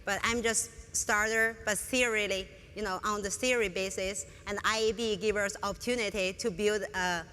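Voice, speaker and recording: In a large conference hall, a woman student guest from northern China eagerly responds to interview questions on stage, her Chinese accent and non-native phrasing clear. Her voice is medium in pitch, pushed, bright and smooth, with fairly even intonation, normal speed and few pauses. Reverb and faint room noise fill the recording.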